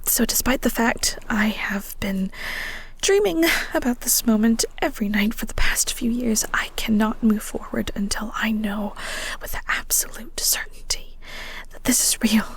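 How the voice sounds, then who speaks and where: In an intimate romantic audio roleplay, a woman voices an earnest, vulnerable married woman from the 1940s who is secretly lovestruck. Her delivery is breathy, halting and half-whispered, pitched a little high, with a confessing mood.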